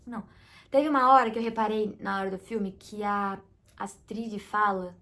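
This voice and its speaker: A woman's voice: medium pitch, fairly even intonation, normal speed, a bit bright. A woman with a Brazilian Portuguese accent chatting casually and expressively as she reviews a film for her viewers.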